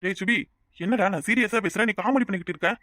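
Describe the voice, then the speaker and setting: A woman's voice: medium pitch, a bit bright, no room sound, studio quality, close to an everyday voice. A woman voicing a drunken village father in a cartoon family drama, scolding and self-pitying. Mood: pleading. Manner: rapid, nagging, scolding. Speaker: voice actor.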